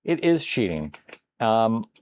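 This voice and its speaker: A man's voice: on the low side, very animated, slow pace, darkish tone, clean tone, dry recording. An older man casually commenting while playing a retro computer game on a live stream, chatting with viewers and exclaiming at close calls.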